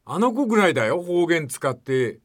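A man's voice: on the high side, sing-song, moderate pace. An older man hosting a radio talk show, telling stories in a rambling, folksy way and putting questions to his co-host.

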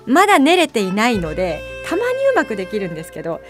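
A woman hosting a late-night radio talk show as a bar mama. She is chatty and playful, with drawn-out fillers. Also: mid-range voice, very animated, faint music behind.

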